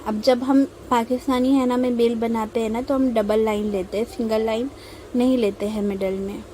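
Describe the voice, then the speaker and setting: In this rough recording, a mehndi tutorial host, a young woman from India, talks viewers through her drawing in a calm, unhurried voice-over. She pauses often as she patiently explains each step, and her somewhat high voice comes across warm and mellow, not bright. A faint hiss sits beneath it.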